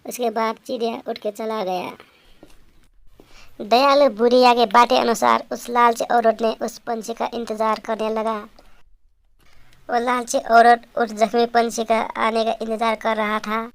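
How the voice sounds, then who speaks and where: A woman narrating a children's story in a flat, repetitive telling. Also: fairly high pitch, unhurried, creaky, clean tone.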